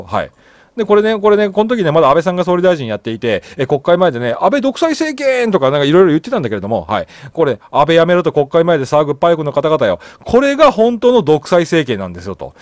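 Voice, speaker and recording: A man's voice: sits high, darkish tone, dry recording. A man hosting a solo news commentary channel, reading articles aloud and chatting about them with frequent fillers and tag questions.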